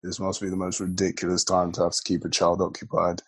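A young man with a very low, slightly husky voice chats on a podcast panel. He keeps it light and jokey, padding his points with ums. The sound is dry and close. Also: completely flat delivery, quick pace, no room sound. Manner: jokey, chatty, many filler ums. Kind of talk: casual podcast chat.

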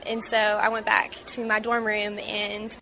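A woman in her twenties from Mississippi recounting a personal story in an interview, halting and reflective with many fillers. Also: mid-range voice, completely flat delivery, vocal fry, sharp tone, a little hiss or hum. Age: 20s. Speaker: interview guest.

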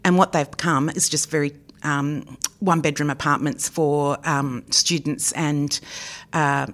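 A woman's voice: sits low, steady tone, measured pace, fairly bright tone. A woman, co-hosting a local news podcast in a chatty, upbeat way. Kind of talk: casual chat.

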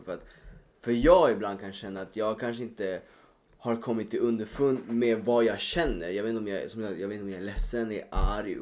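A man's voice: lowish voice, darkish tone. A man guesting on a casual podcast, talking thoughtfully and searching for his words. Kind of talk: casual chat.

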